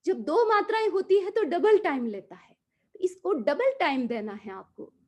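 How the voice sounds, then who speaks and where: A woman giving a calm, slow mantra lesson, drawing out the chanted syllables. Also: very high voice. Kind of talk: guided mantra pronunciation lesson.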